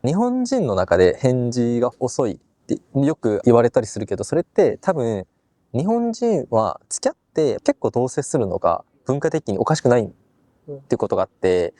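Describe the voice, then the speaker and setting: Korean-born man, mellow, dry sound. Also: medium pitch, big pitch swings, moderate pace, no echo. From Busan, South Korea. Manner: earnest, gives advice, laughs easily. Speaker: guest. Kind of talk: casual conversation.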